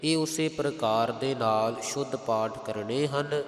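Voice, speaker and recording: A man with a Punjabi accent teaching careful scripture recitation, chanting verses slowly and then explaining their pronunciation. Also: medium pitch. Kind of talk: slow, careful recitation lesson. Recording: roomy, long hall echo.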